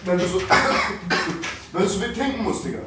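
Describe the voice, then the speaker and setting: A man's voice: high voice, normal speed, very noisy. A young man in a casual prank video, talking in heavy street slang and scolding his friend. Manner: slangy, scolding, reads texts aloud. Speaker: vlogger. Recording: echoey room, mic far off, music behind.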